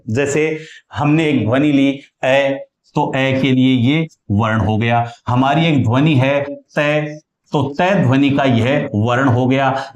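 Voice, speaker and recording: A man teaching Hindi grammar in a classroom lecture, explaining deliberately and stretching out sounds as examples. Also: mid-range voice. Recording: echoey room.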